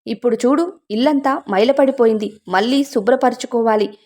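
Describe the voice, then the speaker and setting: A woman's voice: a little high, a little fast, a little mellow, lightly acted. Harsh middle-aged woman employer, curt and scolding, storybook read by a woman narrator.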